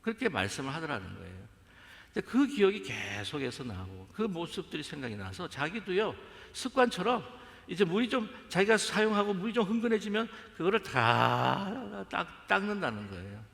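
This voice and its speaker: A male pastor delivers a sermon with a bright, gravelly voice that is pitched a little high. He addresses the congregation directly and throws rhetorical questions at them. His voice rings with a long echo through a church sanctuary. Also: sing-song, moderate pace.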